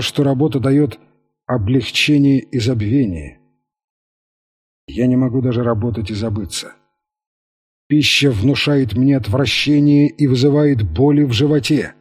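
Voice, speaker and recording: A man voicing a wretched, drunken old laborer who pleads and laments in a self-pitying way, with a husky voice. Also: mid-range voice, darkish tone.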